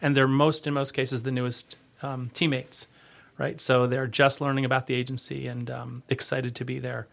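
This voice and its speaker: Male podcast guest, medium pitch, fairly even intonation, creaky voice, earnest, halting conversational delivery. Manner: earnest, halting, rephrases often. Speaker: intelligence agency leader, interview guest.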